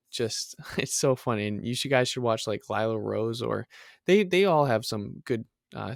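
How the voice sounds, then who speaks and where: A man's voice: medium pitch, creaky, no room sound, studio quality. A man hosting a podcast in casual chat, loose and enthusiastic.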